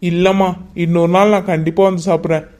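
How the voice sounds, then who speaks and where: A man's voice: high voice, flat delivery, fast talker, darkish tone, lightly acted. A man voicing a polite young visitor in a cartoon who speaks respectfully to his friend's mother. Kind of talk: cartoon voice acting.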